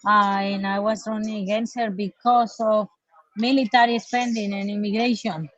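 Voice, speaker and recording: A woman's voice: medium pitch, flat delivery, moderate pace, dry recording. A woman calling in over a Bluetooth headset mic as a congressional candidate, talking hesitantly with many fillers. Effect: remote call over a Bluetooth headset mic. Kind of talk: casual remote interview. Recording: dull lo-fi call audio.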